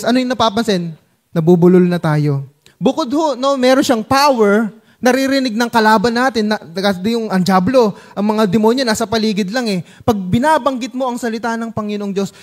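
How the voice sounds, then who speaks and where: A Filipino pastor with a high voice preaches to his congregation. He mixes Tagalog and English and keeps the message playful. He acts out small everyday scenes to make his points. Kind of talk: sermon.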